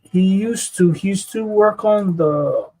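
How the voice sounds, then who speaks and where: A man's voice: sits high, slow, warm tone, rough recording. A man co-hosting a casual art stream, rambling with lots of fillers and "you know what I mean". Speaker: co-host and illustrator.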